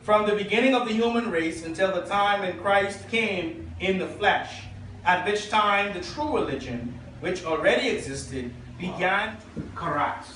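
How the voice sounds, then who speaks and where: A man's voice: high voice, unhurried, bright, forceful tone, slight background noise. A Bahamian man preaching a sermon to his congregation, reading quotations aloud and asking them questions. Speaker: pastor. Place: church hall. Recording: echoey church, voice from far off.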